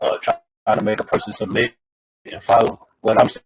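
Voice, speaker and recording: A man's voice: fairly low pitch, flat delivery, fairly quick, slightly rough. A man calling into an online group discussion, talking loosely and casually with many fillers, his voice fuzzy and distorted as his phone connection keeps breaking up. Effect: fuzzy, distorted phone line that keeps breaking up. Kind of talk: casual spiritual sharing. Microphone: phone on a group call.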